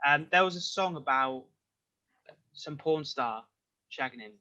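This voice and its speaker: Young man, bright lively voice, banter, dull call audio. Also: on the high side, unhurried. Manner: laughing, banter-heavy, leads the running order. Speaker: podcast co-host. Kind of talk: casual chat on a video call. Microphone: remote call mic.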